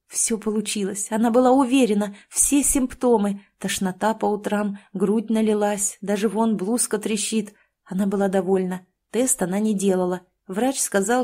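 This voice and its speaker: Mellow-voiced woman reading an audiobook. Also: medium pitch. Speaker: audiobook narrator. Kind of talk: audiobook narration.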